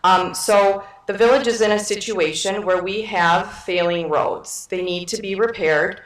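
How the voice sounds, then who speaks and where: A woman trustee candidate giving earnest, measured answers at a forum, with frequent ums. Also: medium pitch, steady tone. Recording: echoey hall, mic from far off.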